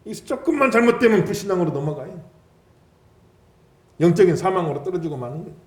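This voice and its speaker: A man's voice: high voice, expressive, fast. Dramatic preaching man in echoey church. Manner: dramatic preaching with mocking quoted taunts, swelling and dropping loudness. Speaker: pastor. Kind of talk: sermon.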